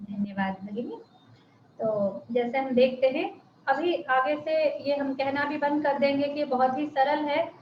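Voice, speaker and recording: A woman's voice: high-pitched, reverberant, muffled recording, a little hiss or hum. A woman teaching a Sanskrit class online, explaining patiently and often checking that students follow. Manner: patient, explains slowly, often asks "ठीक है?".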